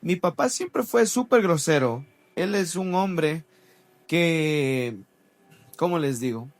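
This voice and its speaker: A man, co-hosting a church podcast and telling a personal testimony in a casual, animated way. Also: fairly high pitch, slow. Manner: animated, acts out quoted voices.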